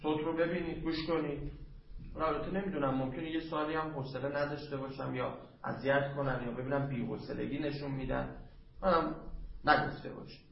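A man teaching a seminary class on Arabic grammar. He draws quoted Arabic phrases out slowly and chants them, then talks quickly and casually to his students. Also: on the high side, fairly even intonation, gravelly. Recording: dull lo-fi classroom recording with faint noise.

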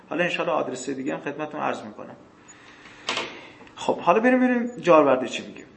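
A male teacher giving a classroom lecture on grammar texts. He asks questions and answers them himself, reads passages slowly, and often clears his throat. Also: fairly high pitch, very animated, roomy sound, a little hiss or hum. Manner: reads passages slowly, then explains faster.

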